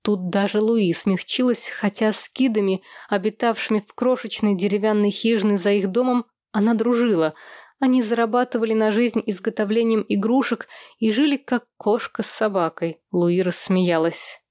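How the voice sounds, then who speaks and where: A woman reading a novel aloud, voicing the children's lines in an excited, higher voice. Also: moderate pace, no echo, clean studio sound. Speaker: audiobook narrator. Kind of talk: literary audiobook narration, voicing children.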